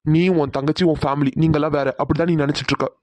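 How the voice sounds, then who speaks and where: A hot-tempered young man, voiced by a man in a cartoon, scolding in harsh, blunt bursts. His voice sits a little high and rushes very fast. The recording is dry and close. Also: level tone, darkish tone, dry recording, close to an everyday voice. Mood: angry. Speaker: voice actor. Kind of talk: cartoon voice acting.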